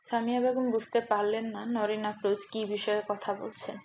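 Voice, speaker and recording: A woman storyteller in a steady, measured scripted audio-story narration. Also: mid-range voice. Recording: slightly muffled with faint hiss.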